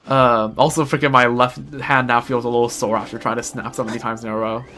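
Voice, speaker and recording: On a livestream, a young man talks casually while gaming, his medium-pitched voice level, quick and sharp. He rambles, restarts a lot and pokes fun at himself.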